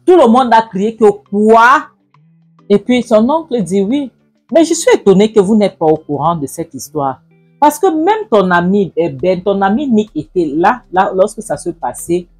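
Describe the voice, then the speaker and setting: A woman casually retelling a film plot, animated and with frequent restarts. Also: mid-range voice, normal speed, breathy edge, faint music behind. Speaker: film recap narrator. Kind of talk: casual storytelling recap.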